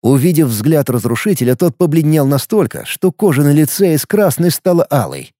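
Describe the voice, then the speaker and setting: A man giving expressive scripted narration of a fantasy audiobook. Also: on the high side, moderate pace, no room sound, clean studio sound.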